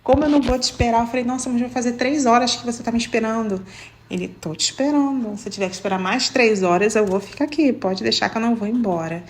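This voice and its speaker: Animated Brazilian woman telling a story. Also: on the high side, quick pace. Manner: animated, emotional, addresses viewers as "gente". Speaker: vlogger telling her love story. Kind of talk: casual storytelling to viewers.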